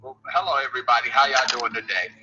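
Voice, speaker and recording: A man's voice: medium pitch, expressive, very fast, pushed and bright. A man hosting a casual radio show, talking in a folksy, incredulous way. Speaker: host. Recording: dull lo-fi livestream audio with faint hiss.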